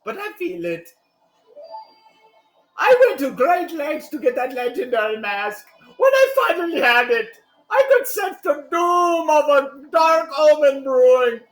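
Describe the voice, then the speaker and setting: Man acting a high, wildly swooping, theatrical mask salesman. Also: big pitch swings, measured pace, a bit bright, reverberant, soft background music, exaggerated voice, rough recording. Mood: ominous. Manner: melodramatic, swinging from solemn to shrieking. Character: eerie, theatrical mask salesman, pleading and frantic. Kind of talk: dramatic read-aloud of video game dialogue.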